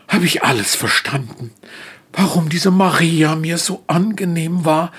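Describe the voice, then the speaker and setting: A man voicing a gentle, devoted male donkey, telling the story in character with a soft, wondering manner. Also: on the high side, slightly rough.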